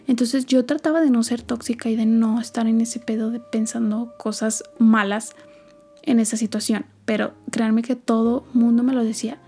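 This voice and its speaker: Young Mexican woman host, slangy and confiding, husky mellow voice, slightly high. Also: steady tone, normal speed. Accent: Mexican Spanish. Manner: soft, often half-whispered, slangy confiding delivery. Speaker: podcast host. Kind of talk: storytime monologue.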